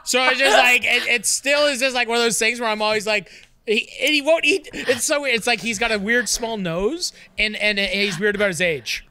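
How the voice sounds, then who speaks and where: Bright-voiced man in his thirties, rambling. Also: very high voice, moderate pace, clean tone, no room sound. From Canada. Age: 30s. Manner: rambling, self-interrupting, joking. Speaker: podcast co-host. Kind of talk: casual chat. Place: home podcast studio. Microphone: studio mic on boom arm.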